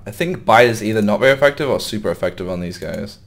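Talking fast in a gravelly, fairly low voice, a young man who makes gaming videos on YouTube gives expressive, casual commentary on his play. His voice is slightly sore, and he muses aloud, muttering and wondering to himself as he goes.

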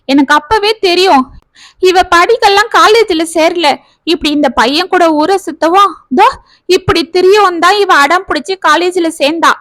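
A woman's voice: sits high, fairly bright tone, dry recording. Furious, scolding mother of a grown daughter, read by a woman narrator; storybook voice, dry close mic. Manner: scolding, outraged.

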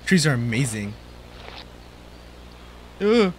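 A man's voice: medium pitch, very animated, takes it slowly, a little hiss or hum, poor audio. A young man giving goofy, jokey commentary while playing a horror game for his channel. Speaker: gaming channel host.

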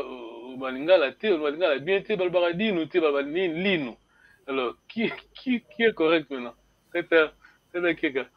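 Male language teacher, high voice, halting and repetitive delivery, dull lo-fi sound. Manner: hesitant, repeats words, chuckles often. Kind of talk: classroom explanation.

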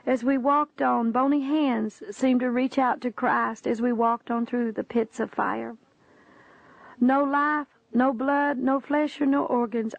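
Gravelly woman reading an earnest testimony. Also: high voice, no room sound. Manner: earnest, preachy, addresses the listener as "my friend". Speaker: reader of a religious testimony. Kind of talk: reading a religious book aloud. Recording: dull, dry lo-fi recording.

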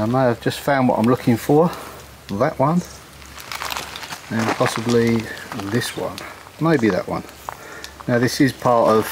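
Working on a stone cottage both inside and in a chilly garden, this man keeps up a casual, cheerful narration for his viewers. His voice is mid-range, with background noise behind it.

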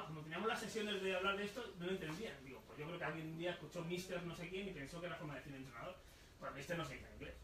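A man presenting his book at a live bookshop talk, explaining slowly, repeating words and asking the audience questions. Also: sits high, background noise. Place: bookshop event room. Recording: echoey room, voice from far off.

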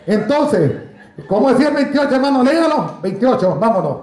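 In an echoey church hall, a man preaches as pastor, full of jokes and stories, addressing the congregation as brother. His voice is extremely high in pitch, very animated, brisk, and a little mellow.

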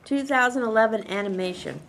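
A middle-aged woman teacher playing a movie trivia game, chatting in a lively way with exclamations. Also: on the high side, a little fast, a little hiss or hum. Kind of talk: casual trivia game chat.

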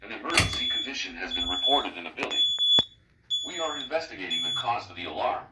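A man reading a formal emergency evacuation message in a calm, measured way, played back through fire alarm loudspeakers. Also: fairly low pitch. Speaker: recorded emergency announcer. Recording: echoey, distant loudspeaker with loud noise.

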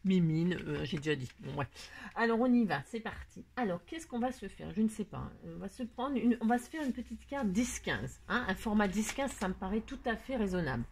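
A woman's voice: mid-range voice, expressive, brisk, a little mellow. A woman hosting a card-making tutorial, chatting casually and rambling, talking straight to viewers with lots of self-mocking asides. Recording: noisy home recording.

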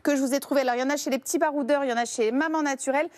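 Woman, high voice, playful, chatty TV demonstrator, dry close sound. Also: fairly even intonation, rapid-fire, no room sound. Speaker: babywearing expert presenting products. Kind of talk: TV product demonstration. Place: TV studio set.

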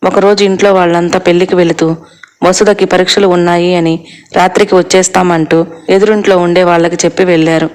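A steady storyteller narrates a scripted tale in a middling register. The delivery stays very flat, the pitch hardly shifting from one line to the next.

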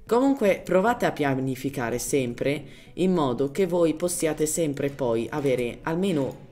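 A man's voice: on the high side, expressive, unhurried, a little mellow, soft background music. Man giving casual game tutorial commentary. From Germany. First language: German. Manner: informal, searches for words in Italian, drops in English terms. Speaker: gaming tutorial host.

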